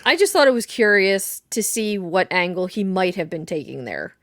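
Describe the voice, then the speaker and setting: A woman's voice: mid-range voice, big pitch swings, moderate pace, fairly bright tone, no echo, clean studio sound. Woman podcast host musing thoughtfully. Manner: thoughtful, laughs easily, swears casually. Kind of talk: casual chat analyzing a video game. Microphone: desk mic.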